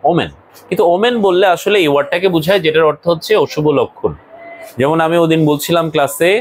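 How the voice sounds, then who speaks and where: A man's voice: fairly high pitch, poor audio. Male college English teacher, firm classroom lecturing, faint room noise. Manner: scolding and explaining, mixing English phrases into speech.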